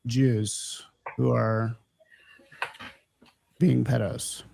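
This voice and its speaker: A man's voice: mid-range voice, little pitch movement, drawn-out words, vocal fry, darkish tone. A man in a casual podcast chat, rambling and hesitating as he talks.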